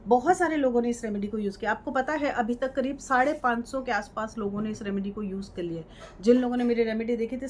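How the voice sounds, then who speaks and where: Woman, 30s, chatty tutorial presenter, high-ish voice, close mic, faint hum. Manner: chatty, repeats "ठीक है" and "ये देखो". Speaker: home remedy presenter. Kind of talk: casual how-to demonstration. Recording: light background noise.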